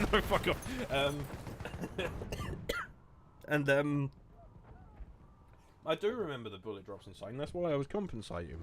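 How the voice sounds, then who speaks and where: A late-twenties man with a southern English accent livestreams a game, rambling casually with sarcastic, swearing banter. His mid-range voice is a bit bright, and there's a little hiss or hum on the audio.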